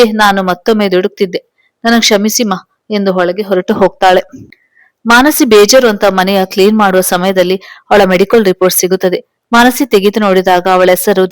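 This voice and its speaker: A woman narrating a family drama story in a steady, plain storytelling manner. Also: medium pitch, no room sound.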